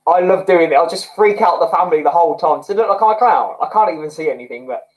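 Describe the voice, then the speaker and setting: Poor audio captures a quick-paced man whose voice is a little high with a darkish tone. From indoors at home he runs a casual livestream, reading viewer comments in a chatty, self-mocking way and laughing frequently.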